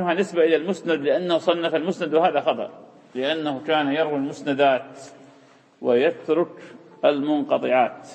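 Guy giving a quick lecture, gravelly voice, repeats key words, dull echoey hall audio. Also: medium pitch, a little mellow. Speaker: hadith teacher. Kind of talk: classroom lecture.

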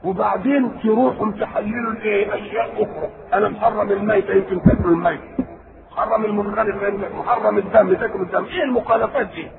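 Egyptian guy teaching scripture, high gravelly voice, asks questions then answers them himself, tinny hissy old recording. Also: fairly even intonation, fast. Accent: Egyptian Arabic. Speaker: religious scholar explaining scripture. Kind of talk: spoken religious lesson. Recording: tinny, noisy, phone-like recording.

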